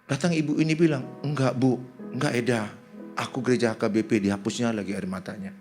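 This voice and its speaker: A man's voice: mid-range voice, steady tone, fast talker, darkish tone, soft background music. A man from Indonesia, a pastor, preaching a sermon and joking with the congregation.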